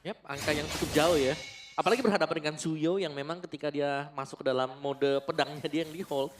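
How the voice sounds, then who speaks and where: A man's voice: on the high side, fairly even intonation, brisk. A man working as an esports caster, analytically explaining builds and the state of a match. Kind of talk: esports caster analysis of items and game tempo. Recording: music behind the voice. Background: music.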